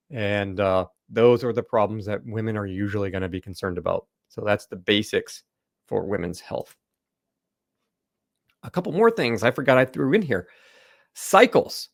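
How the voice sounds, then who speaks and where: A man's voice: medium pitch, dry recording, studio quality. A middle-aged man, a naturopathic doctor, explaining a slide presentation in a loose conversational way, with lots of fillers and restarts.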